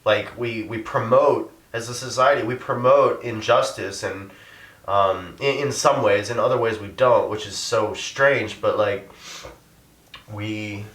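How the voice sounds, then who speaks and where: Low-voiced man, halting and emotional. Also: fairly bright tone, echoey room, recorded from a distance. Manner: halting, many fillers, voice rising when upset. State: choked up. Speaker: interviewee, animal rights activist. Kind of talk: emotional interview.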